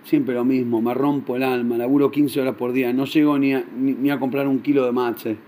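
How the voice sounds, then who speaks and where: A man's voice: medium pitch, flat delivery, a little fast, warm tone, natural voice. A man doing a poor, despairing husband. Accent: Rioplatense Spanish. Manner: complaining, pleading.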